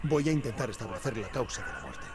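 An actor playing a serious masked vigilante detective in a game dub, terse and analytical. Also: male voice, quick pace, a crowd in the background, lightly acted. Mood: grave. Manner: terse, analytical, low and steady. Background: game music.

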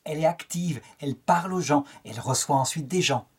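A man's voice: a little high, a little fast, a little mellow, slightly rough. A middle-aged French man giving a spoken lecture on a saint's life, telling it as a story and lifting his tone to quote the people in it. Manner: storytelling, quotes dialogue with lifted tone.

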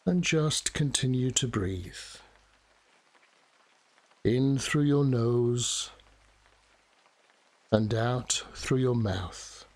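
A man narrating a guided relaxation meditation in a soft, soothing, measured manner with long pauses. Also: mid-range voice. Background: steady rain.

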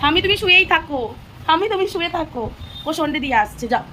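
A woman's voice: very high-pitched, lively intonation, quick pace, noisy background. A woman vlogging at home, narrating her day and patiently guiding her child through chores with repeated instructions. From Bengal. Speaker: mother vlogger. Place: home, indoors.

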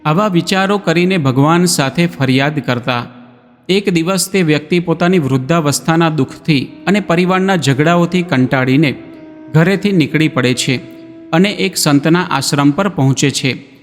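A man narrating a scripted moral story in a measured tone, addressing listeners as friends. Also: on the high side. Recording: long reverb, background music.

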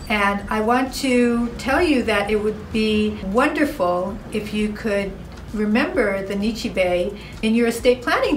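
A woman's voice: mid-range voice, slight background noise. Gracious woman in an echoey room. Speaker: estate planning lawyer. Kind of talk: appeal to camera. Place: office with plants. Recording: roomy echo from a distant mic.

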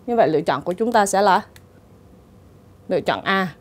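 A woman's voice: mid-range voice, animated, brisk. A woman teacher going through English exam answers step by step, in a methodical way. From Vietnam. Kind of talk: exam answer walkthrough lesson.

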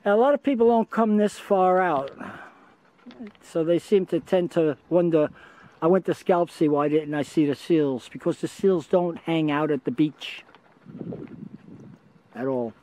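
An older man chatting casually to his handheld camera outdoors on a rocky beach, relaxed and talking to his dog now and then. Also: a little high, unhurried, long pauses. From Scotland. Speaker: vlogger. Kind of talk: casual hiking vlog to camera. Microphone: camera held at arm's length.

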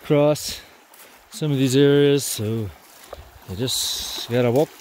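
A man's voice: medium pitch, slow, darkish tone, slight background noise. A man vlogging casually on a forest trail, rambling with many fillers. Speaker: thru-hiker vlogger.

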